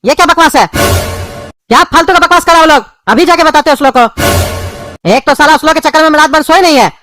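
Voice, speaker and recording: A woman's voice: high-pitched, a little fast, a bit bright, dry recording, faint music behind. A woman voicing a short-tempered, sleepy father in a cartoon, scolding and threatening. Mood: irritated. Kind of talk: cartoon voice acting.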